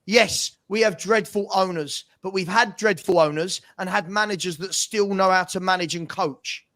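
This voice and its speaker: Passionate, high-pitched man on a rant. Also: normal speed, sharp tone. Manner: passionate, exasperated; emphatic, repetitive rhetorical delivery. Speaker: football fan pundit on a fan channel. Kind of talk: opinion rant.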